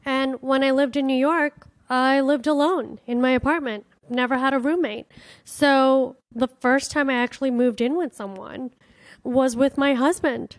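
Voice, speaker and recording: Candid woman podcast host, higher voice. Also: fairly even intonation, unhurried, no room sound, clean studio sound. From born in India, raised in Miami. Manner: candid, heartfelt, talks with many "like" and "you know" fillers. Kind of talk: casual reflective monologue.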